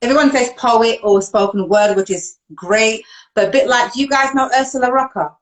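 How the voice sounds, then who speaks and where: A woman's voice: a little high, moderate pace, low-quality recording. A British woman hosting a live online show in casual chat, thinking aloud while reading comments and often laughing, on a video call. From United Kingdom.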